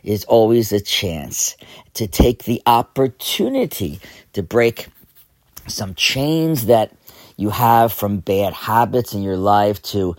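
A hoarse man hosting an inspirational religious radio show, speaking earnestly and repeating phrases for emphasis. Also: lowish voice, expressive, takes it slowly, a little mellow, no echo.

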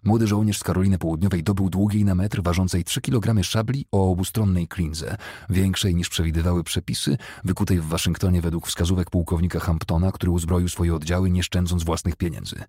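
Low, gravelly male audiobook narrator. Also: fairly even intonation, fairly quick, warm tone, no room sound, clean studio sound. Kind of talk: scripted novel narration.

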